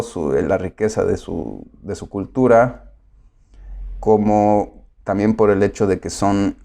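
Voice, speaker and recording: A man giving a lecture, pausing often with filler sounds and explaining patiently. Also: low voice, vocal fry, dark tone. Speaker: course lecturer.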